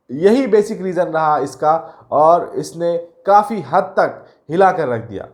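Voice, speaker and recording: High-voiced man explaining casually. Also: darkish tone. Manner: chatty, addresses viewers as guys, mixes in English terms. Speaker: career video host. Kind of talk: casual explainer talk to viewers.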